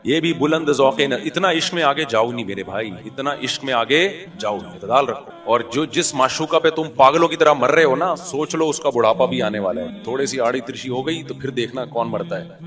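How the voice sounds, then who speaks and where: A man, giving a lively, colloquial, joking sermon. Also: medium pitch. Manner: animated, colloquial, joking storyteller. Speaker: Islamic preacher.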